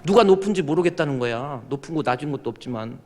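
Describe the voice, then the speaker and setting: A man preaching a sermon as a pastor, his voice sitting fairly high and leaping all over as he tells humorous stories. He builds to loud, emphatic cries at the peaks. The sound rings with a long reverb from the church hall. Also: quick pace. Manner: animated, joking storyteller who shouts at peaks. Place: church sanctuary.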